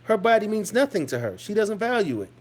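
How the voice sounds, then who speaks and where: A man's voice: high-pitched, very animated, fairly quick. A man delivering a heated, mocking, profane rant as a vlogger, often stumbling and repeating phrases. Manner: heated, mocking, swears constantly; stammering restarts and repeated phrases. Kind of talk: profane ranting commentary.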